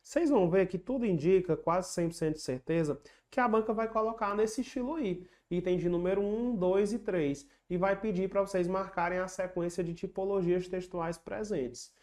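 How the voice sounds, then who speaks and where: A patient teacher walking students through exam questions in an online lesson, saying each rule more than once. The voice sits at a middle pitch, and the delivery slips into chanted rhymes to make the rules stick. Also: moderate pace, few pauses, a little mellow. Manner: patient and explanatory, repeats key rules; chants rhyming memory tricks.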